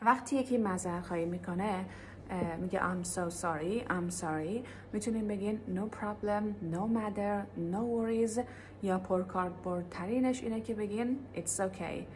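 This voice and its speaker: A woman teaching English in a casual video lesson. She explains quickly, then repeats example phrases slowly for pronunciation. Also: mid-range voice, a little mellow, slight background noise.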